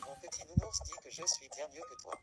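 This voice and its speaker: Computer lady doing a gloomy sulky game character, robotic, swoops all over the place, talks fast. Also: sits low, wildly swooping pitch. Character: sulky adult female game avatar, gloomy. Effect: synthesized game voice. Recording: game audio over music.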